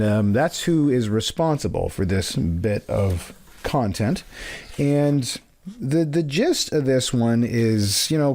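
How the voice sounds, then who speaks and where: A man's voice: fairly low pitch, a little mellow, dry recording. A man hosting a casual podcast chat, jokey and rambling, with lots of restarts. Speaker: podcast host.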